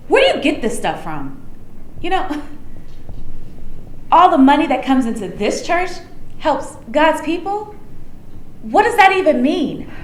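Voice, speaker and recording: A woman's voice: on the high side, slight background noise. An actress playing a resentful young married daughter who talks back to her mother in a cutting, defiant way. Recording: echoey room.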